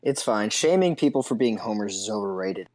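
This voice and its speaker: A man's voice: lowish voice, animated, brisk, darkish tone. A man on a casual sports podcast, cutting in with short, dry, teasing remarks.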